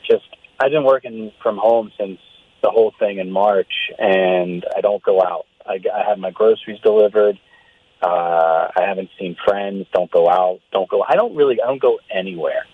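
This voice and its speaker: A young man heard over a telephone line, talking in a hesitant, nervous, halting way. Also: fairly low pitch, husky, no room sound. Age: young adult. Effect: heard over a phone line. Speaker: guest called on the radio show. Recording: tinny phone line.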